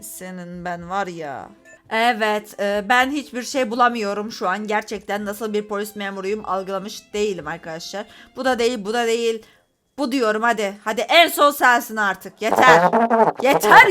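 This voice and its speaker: A woman doing let's-play commentary on a game, excitable and often exasperated, talking straight to her viewers. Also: fairly high pitch. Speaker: gaming YouTuber.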